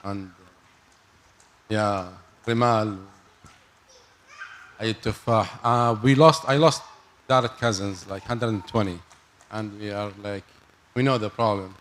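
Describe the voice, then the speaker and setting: A man from Gaza in the audience makes an earnest comment at a mosque gathering, repeating his main point. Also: lowish voice. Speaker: audience member. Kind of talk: community Q&A comment. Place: mosque hall.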